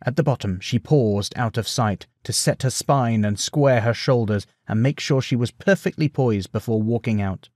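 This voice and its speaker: A man narrating a bedtime story retelling in a measured, expressive way. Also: mid-range voice, no room sound, studio quality.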